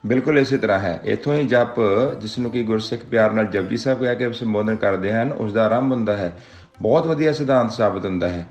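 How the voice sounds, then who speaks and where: A man teaching Gurbani grammar patiently in a dialogue lesson, with a gravelly voice. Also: lowish voice, brisk, a little mellow, soft background music.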